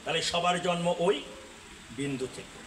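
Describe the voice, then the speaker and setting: Brief: male devotional storyteller, high bright voice, preaching and quizzing, echoey venue. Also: moderate pace, crowd noise. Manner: explains and quizzes audience, bursts into shouts. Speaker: folk religious storyteller-singer. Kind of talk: devotional folk drama preaching.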